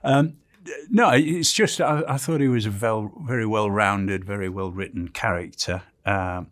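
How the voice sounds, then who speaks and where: A man talking casually and haltingly, searching for his words as he gives his opinion. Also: fairly low pitch, a bit bright.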